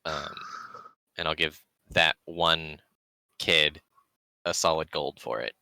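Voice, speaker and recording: Deep, bright-toned man playing a tabletop game. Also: gravelly, clear, resonant tone, dry recording. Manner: laughs often, halting with many fillers. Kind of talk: casual tabletop role-play chat.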